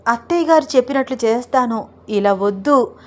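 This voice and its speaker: Coy young wife, flustered, pleading, raised pitch, storybook, woman doing it. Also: lively intonation, moderate pace, natural voice. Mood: flustered protest.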